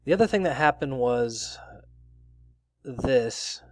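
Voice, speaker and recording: A man's voice: mid-range voice, animated, takes it slowly, darkish tone, no room sound. A man hosting his own news commentary video, talking through stories casually and reading bits of articles aloud with his own asides. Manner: conversational, reads out article excerpts with asides.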